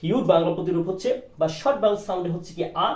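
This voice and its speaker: A man with a high, darkish voice races through an English reading lesson, spelling words letter by letter, blending Bengali with English phrases and often checking "right?". He coughs now and then, and the roomy recording catches him far from the mic.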